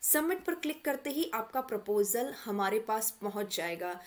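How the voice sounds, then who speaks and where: Woman mentor doing a screen tutorial, slightly high voice, patient, talks right to students. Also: animated, moderate pace. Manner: patient step-by-step explaining, addresses students directly. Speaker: online course mentor. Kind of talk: screen-recorded tutorial walkthrough.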